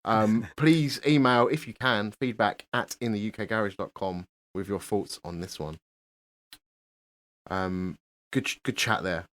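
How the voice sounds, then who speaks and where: A man hosting a podcast, talking in a relaxed, halting way. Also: fairly low pitch. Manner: relaxed, hesitant with many ums and restarts. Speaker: podcast host. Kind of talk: casual podcast chat.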